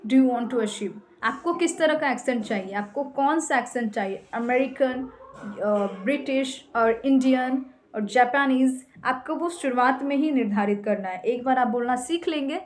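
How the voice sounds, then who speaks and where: A young Indian woman giving emphatic, repetitive tips to English learners, mixing Hindi and English. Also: sits high. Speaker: English teacher. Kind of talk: casual tutorial talk.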